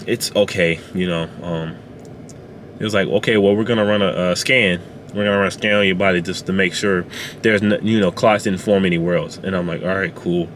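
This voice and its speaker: A man sharing a personal testimony in a car, speaking haltingly with many fillers and restarts. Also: low voice, steady tone, fairly bright tone, slight background noise. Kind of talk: emotional personal storytelling. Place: inside a parked car.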